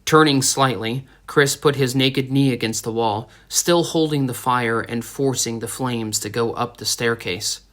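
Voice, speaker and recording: A man reading a dramatic story aloud as an audiobook narrator, in a steady storytelling manner. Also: medium pitch, measured pace, few pauses. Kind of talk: scripted narration.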